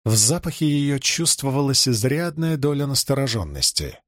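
A man reads a fantasy novel aloud in a steady, measured way. His voice sits at a middle pitch, and the recording is dry and close with no room sound. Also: no echo. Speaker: audiobook narrator. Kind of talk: scripted narration.

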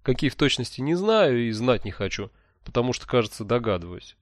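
A man's voice: mid-range voice, sing-song, brisk, dry recording, studio quality, close to an everyday voice. A man reading an audiobook who voices a cheerful, smug male sorcerer mentor, talking in a breezy, jovial way. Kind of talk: audiobook character voice.

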